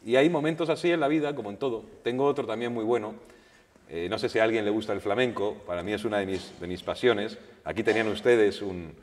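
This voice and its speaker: A man with a fairly low voice, a journalist telling anecdotes in an animated way and acting out the dialogue as he goes. He speaks into a stage mic, and the hall's long reverb carries his voice. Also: fast. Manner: lively, animated, with restarts and quoted dialogue. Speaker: journalist, guest. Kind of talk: anecdotal storytelling at a public talk. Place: public lecture hall. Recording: reverberant lecture hall.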